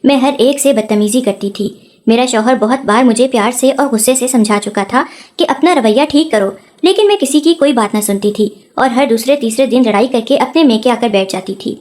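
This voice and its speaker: A woman reading a first-person moral story as scripted narration, with a steady storytelling delivery. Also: fairly high pitch.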